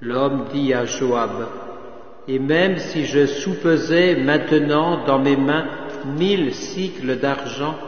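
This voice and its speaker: Male liturgical reader, unhurried solemn delivery, long reverb in a church, muffled lo-fi capture. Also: medium pitch. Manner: measured, solemn, partly chanted. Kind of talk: slow liturgical scripture reading, partly chanted. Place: chapel or church. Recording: reverberant church, dull lo-fi sound.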